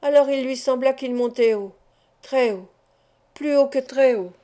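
Mellow-voiced woman reading a novel aloud. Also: high voice, measured pace. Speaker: audiobook narrator. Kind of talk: expressive audiobook reading.

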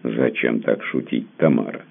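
An infatuated, jealous gentleman who pleads and coaxes in earnest, played by a man reading a story. The voice sits very low with a gravelly edge. It comes through a thin, phone-like line. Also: very animated, moderate pace, exaggerated voice. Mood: pleading. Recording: tinny phone-like sound.

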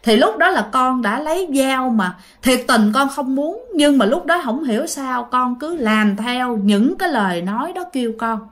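A woman's voice: high voice, animated, moderate pace, hardly any pauses. A woman with a Southern Vietnamese accent voicing a frightened, tearful young schoolgirl in a spoken ghost story.

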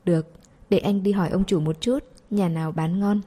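A woman voicing a calm, gently teasing young soldier husband in an audiobook. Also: fairly low pitch, moderate pace, lightly acted. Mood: tender.

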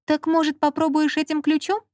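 Женщина в аудиокниге озвучивает молодую капризную обидчивую героиню жалобным высоким голосом. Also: female voice, monotone, brisk, a little mellow, no echo, studio quality, lightly acted. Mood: coaxing. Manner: plaintive, pouting, high-pitched. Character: young woman Lola, fussy, whiny and touchy. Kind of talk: audiobook character reading.

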